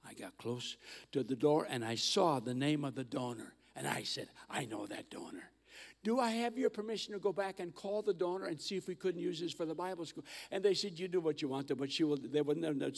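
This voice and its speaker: An older man telling mission stories in a sermon on a church stage, animated and acting out the voices of the people in his stories. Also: on the high side, brisk, creaky. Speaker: guest missionary speaker. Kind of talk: storytelling sermon. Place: large church auditorium stage. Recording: long hall reverb.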